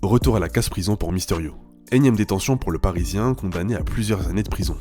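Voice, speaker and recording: A man, brisk and measured. It is a clean studio voice-over with a scripted, storytelling feel. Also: sits low, faint music behind. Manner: steady, measured storytelling delivery. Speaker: documentary narrator. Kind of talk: scripted narration.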